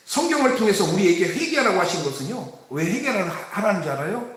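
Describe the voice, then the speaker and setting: A man pastor preaching a sermon with emphasis, rising to shouts and acting out scolding parents. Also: high voice, very animated, fast talker. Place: church sanctuary. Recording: very echoey church hall.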